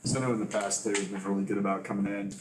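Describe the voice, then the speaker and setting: Male meeting chair, lowish voice, easygoing, keeps the agenda moving. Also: racing, far from the mic, noisy background. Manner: moves the agenda along in a relaxed way. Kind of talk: public meeting discussion. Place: meeting room.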